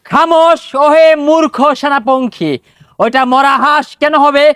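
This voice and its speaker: A man playing a shrill blustering king. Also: unhurried, a bit bright, no echo, studio quality. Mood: pompous. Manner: blustering, bellowing royal commands. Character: pompous hot-tempered male king. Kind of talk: comic skit acting.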